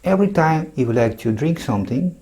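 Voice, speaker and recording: A man teaching a language lesson, slowly spelling words out letter by letter. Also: a little high, lively intonation, a little mellow. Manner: slow, emphatic, spells letters out one by one.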